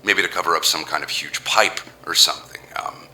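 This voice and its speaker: In a heavily acted first-person audio horror monologue, a deep-voiced, powerful businessman alone and coming apart talks to himself fairly quickly in a bright, forceful tone. Panicked and stammering, he rambles in a sardonic, jittery, self-mocking way, nervous throughout, with slight background noise.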